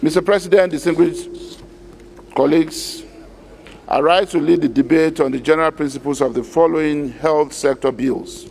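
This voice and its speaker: Gravelly Nigerian man making a formal speech. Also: on the high side, darkish tone, a little hiss or hum. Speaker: senator leading a debate. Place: legislative chamber.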